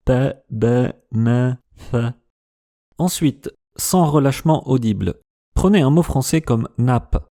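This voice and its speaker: A man's voice: medium pitch, dark tone. A man giving a casual lesson and sounding out consonants to demonstrate them. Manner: demonstrating speech sounds aloud. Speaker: language teacher.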